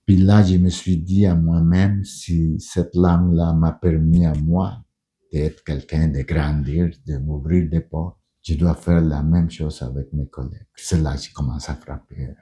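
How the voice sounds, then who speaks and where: Deep-voiced, dark-toned immigrant man. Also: little pitch movement, a little slow. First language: not French. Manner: earnest, with hesitant restarts and repeated words. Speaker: union leader and pastor. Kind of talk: documentary interview storytelling.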